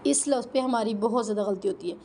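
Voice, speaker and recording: High-voiced woman teaching Quran recitation. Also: darkish tone, a little hiss or hum. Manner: slow drawn-out recitation alternating with quick corrective explanation. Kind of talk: tajweed lesson, recitation and explanation.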